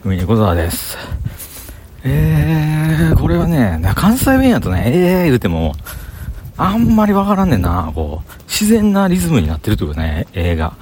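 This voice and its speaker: This vlogger, a man with a Kansai Banshu (Himeji) dialect, thinks aloud in a casual, chatty monologue to camera as he walks outdoors through the city. His somewhat high, slightly mellow voice moves at a moderate pace with huge pitch swings, and slight background noise is present.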